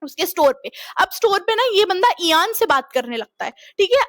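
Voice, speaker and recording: A young woman casually recapping a film plot in an animated way, acting out quick bits of the characters' lines. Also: very high voice, no room sound, clean studio sound. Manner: animated, quotes characters in little acted bits. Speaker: movie explainer.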